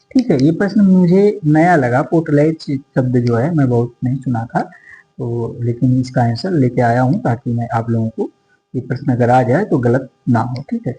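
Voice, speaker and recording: A man leads a sociology exam-prep lesson in a mellow, relaxed voice. He drills each multiple-choice option and repeats question numbers so students can keep up. Faint music plays under him. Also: mid-range voice, low-quality recording.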